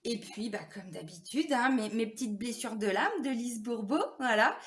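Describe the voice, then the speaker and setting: A woman's voice: a little high, animated, normal speed, noisy background. A woman working as a spiritual therapist, talking casually and confidingly to her viewers, full of fillers and tag questions. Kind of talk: casual talk to camera viewers.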